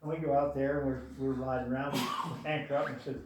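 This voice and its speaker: Speaking fast in a level, medium-pitched voice, an older man tells fond, rambling stories of his late brother at a memorial, with many fillers. He faces an audience in a large room. There's background noise, a very echoey room sound, and he's far from the mic.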